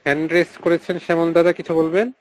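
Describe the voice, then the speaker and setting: Guy teaching a chant over a video call, kinda high voice, says each syllable again and again, slow and careful. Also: level tone, rough recording. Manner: slow, repeats syllables to model pronunciation; chants mantra lines in a drawn-out tone. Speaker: teacher of mantra recitation. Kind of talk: online class instruction.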